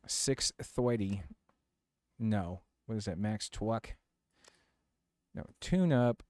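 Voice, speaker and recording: A man with a fairly low, darkish voice streams a racing game, talking slowly and rambling as he jokes and mutters to himself while tuning. It's casual gameplay commentary on a dry recording. Noisy engine sounds from the game sit behind his voice.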